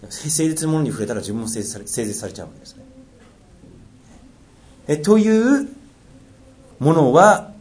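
A man preaching a sermon, reading scripture aloud and dropping into low, quiet asides between passages. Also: lively intonation, fast talker. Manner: swings between raised reading and low asides, jokes lightly. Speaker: pastor.

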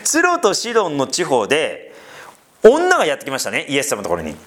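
A man preaching a sermon as pastor, conversational and animated, with frequent fillers and asides to the congregation. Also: a little high, a little fast, a little hiss or hum.

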